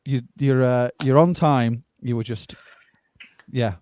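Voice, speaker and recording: A man's voice: medium pitch, takes it slowly, darkish tone, smooth, no room sound. Blokey, matey man hosting a livestream. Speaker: host of a live music stream. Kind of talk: casual chat.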